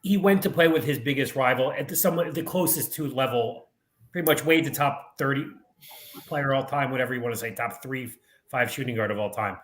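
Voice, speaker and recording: A man hosting a sports podcast, chatting quickly and casually. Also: mid-range voice, fairly bright tone. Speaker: podcast host. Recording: echoey room, faint noise.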